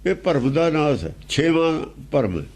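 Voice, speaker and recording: Punjabi-accented male religious teacher, fairly high voice, animated rise and fall, rhetorical questions. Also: a little slow. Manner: repeats key phrases, rhetorical questions. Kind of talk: scripture exposition talk.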